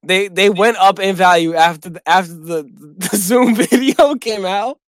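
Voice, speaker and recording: A young man co-hosting a casual chat, telling animated stories, swearing freely and laughing often. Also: sits high, moderate pace, no echo, clean studio sound. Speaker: podcast co-host.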